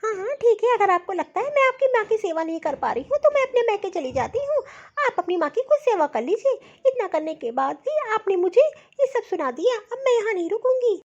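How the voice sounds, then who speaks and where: A woman's voice: extremely high pitch, sing-song, fairly quick, hardly any pauses, darkish tone. A woman voicing an earnest, dutiful young daughter-in-law in a cartoon story. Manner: earnest, eager to please. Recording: dull lo-fi audio.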